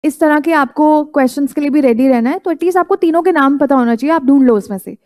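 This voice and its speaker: A woman teaching a class in a mix of Hindi and English. She keeps quizzing her students with quick prompts and repeats the key terms for emphasis. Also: high voice, a little mellow.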